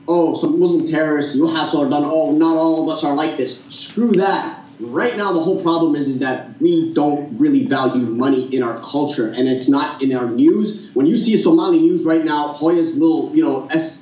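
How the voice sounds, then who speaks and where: A man's voice: on the high side, highs cut off, slight background noise. A man on a podcast panel ranting emphatically and cursing, in casual talk. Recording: roomy echo.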